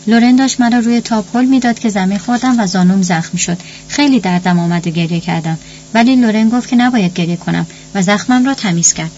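A woman's voice: mid-range voice, darkish tone, lo-fi sound, slight background noise, close to an everyday voice. A woman voicing an innocent, naive little girl. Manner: naive, childlike.

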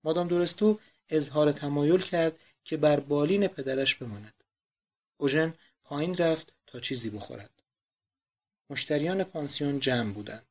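A man narrates a novel aloud in a measured, subdued manner. His voice sits fairly high. The reading stays even and unhurried.

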